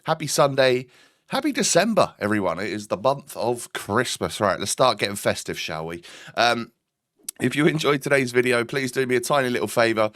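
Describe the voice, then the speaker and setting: A man's voice: medium pitch, lively intonation, moderate pace, fairly bright tone, dry recording, clean studio sound. A man with a stuffy nose from an oncoming cold, giving chatty gameplay commentary as host of his gaming channel, with frequent ums and repeated words.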